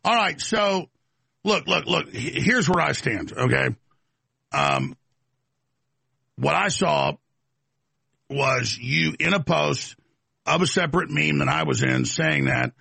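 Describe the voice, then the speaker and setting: A man with a gravelly, rough voice questions his guest in a heated, pressing way. He stumbles and repeats words as he pushes his point. His tone is bright and cutting, and the sound is close and dry. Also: fairly high pitch, very animated, takes it slowly, pauses often, dry recording. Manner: stammering restarts, heated and pressing. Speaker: talk show host.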